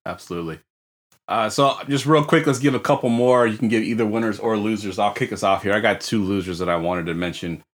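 A man with a very low voice hosts a casual sports podcast, moving things along with quick prompts. He talks in a relaxed, conversational way. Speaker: podcast host.

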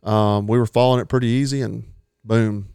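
A man's voice: fairly low pitch, steady tone, a little fast, warm tone, clean tone, no room sound, clean studio sound. A man telling a long hunting story in a rambling, folksy way, laughing at himself now and then. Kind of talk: casual storytelling.

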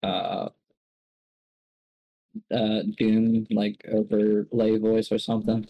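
A man's voice: lowish voice, little pitch movement, takes it slowly, vocal fry, lo-fi sound. A man chatting casually on a podcast with friends, hesitant and full of ums. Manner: hesitant, many ums and restarts. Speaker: podcast co-host. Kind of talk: casual chat among friends.

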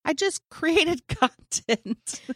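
A woman co-hosting a podcast, chatting candidly and animatedly in a fairly high voice. She speaks close to the mic in a dry, dead room. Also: expressive, very slow, fairly bright tone, dry recording. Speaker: podcast co-host. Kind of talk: casual chat.

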